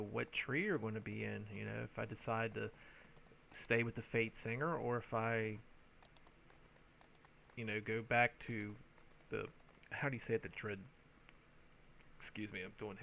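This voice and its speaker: Tired gravelly guy mumbling through his game stream, bright edgy voice, faint hum behind. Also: fairly low pitch. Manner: tired, rambling, thinks aloud with restarts and hums. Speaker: streamer playing an online game. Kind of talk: casual gameplay commentary.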